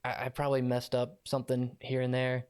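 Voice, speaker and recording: A man's voice: medium pitch, monotone, fairly quick, a little mellow, clear, resonant tone. A man narrating the friendly, slightly rambling outro of his video essay.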